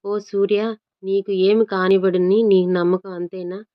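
A woman's voice: mid-range voice, little pitch movement, measured pace, smooth, close to an everyday voice. A woman voicing a bold, outspoken young woman who talks in threats, on a dull lo-fi recording. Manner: brash, threatening.

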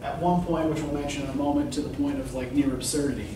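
A middle-aged literature professor lectures conversationally in a classroom with a whiteboard, frequently checking in with "right?" and posing questions to students. His voice is fairly high with fairly even intonation, and he talks fast. A far camera at the back of the room picks him up, so the sound is echoey, distant, and noisy.

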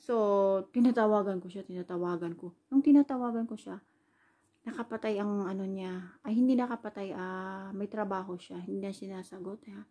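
Speaking fairly quickly with a dark tone and fairly even intonation in a mid-range voice, a Filipino caregiver working overseas tells a personal story on her vlog. She rambles casually, packing in fillers such as "ayan" and replaying what people said to her.

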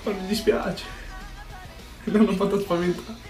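A man's voice: high-pitched, level tone, a little slow, darkish tone. A man in his twenties chatting casually and dramatically as co-host of a video in a small home room. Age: 20s. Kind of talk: casual chat, reaction challenge. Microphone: desk webcam distance. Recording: roomy sound with music behind.

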